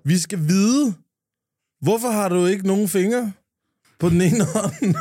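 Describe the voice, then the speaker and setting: Man, podcast host, teasing and crude, mellow tone, dry close mic. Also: sits high, no echo. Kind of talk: casual chat.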